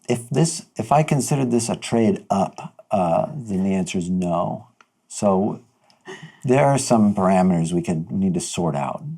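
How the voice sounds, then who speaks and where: A man's voice: sits low, animated, a little slow, mellow, exaggerated voice. A man voicing a polite, fatherly male warlock in a tabletop game, talking formally and stiffly. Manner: formal, stiff, laughs between lines.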